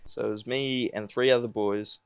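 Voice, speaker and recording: A young guy with a broad Kiwi accent tells a casual story in slangy, sweary talk. His voice sits fairly low and is clean and smooth. The recording is close and dry, and his delivery is laid-back. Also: fairly even intonation, moderate pace, no echo. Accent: broad New Zealand. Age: young adult. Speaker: podcast speaker.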